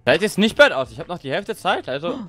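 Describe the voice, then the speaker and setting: Neckender Mann mit lebhafter Stimme. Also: male voice, fairly high pitch, big pitch swings, fast, fairly bright tone, soft background music. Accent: German. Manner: teasing, repeats names in a sing-song call. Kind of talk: teasing gameplay chat with friends.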